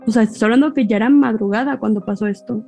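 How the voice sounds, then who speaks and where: A woman's voice: a little high, fast talker, vocal fry, soft background music, low-quality recording. A woman with a Mexican accent, a podcast guest telling a personal story in casual chat and acting out her family's words. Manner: animated, acts out family dialogue.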